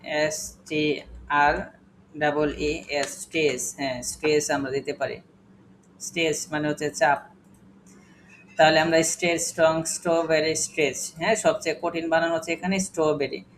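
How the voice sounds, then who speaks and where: A man's voice: fairly high pitch, steady tone, moderate pace, a little hiss or hum, rough recording. A man teaching an English class, patiently spelling words letter by letter and quizzing his students. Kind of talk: classroom lesson.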